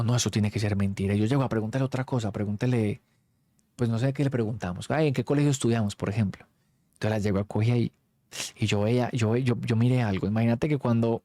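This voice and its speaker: Young Colombian man, slangy and animated anecdote-teller, dry close mic. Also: mid-range voice, no echo. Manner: animated, slangy, acts out quoted friends. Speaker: streamer. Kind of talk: casual anecdote storytelling.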